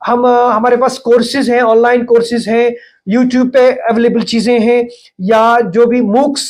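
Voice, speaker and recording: A man's voice: extremely high pitch, a little mellow. Middle-aged man, thoughtful and hesitant. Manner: thoughtful, hesitant with many fillers and restarts. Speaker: education expert guest. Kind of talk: podcast interview.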